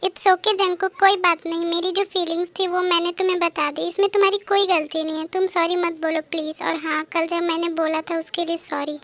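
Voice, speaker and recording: A woman's voice: very high-pitched, level tone, fairly quick, few pauses, fairly bright tone, no echo. A woman plays a lovesick, teasing teenage girl who sulks and pleads. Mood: tender. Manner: pleading, sulky.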